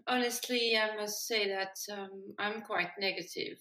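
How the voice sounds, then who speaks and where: A woman's voice: medium pitch, fairly even intonation, measured pace, bright, forceful tone, faint music behind. An earnest, reflective woman from Morocco speaks as a guest on a panel, often restarting her sentences. Her voice sits in the middle of the range for a woman. It sounds roomy, picked up from some distance from the microphone. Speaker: novelist guest. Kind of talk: panel discussion answer.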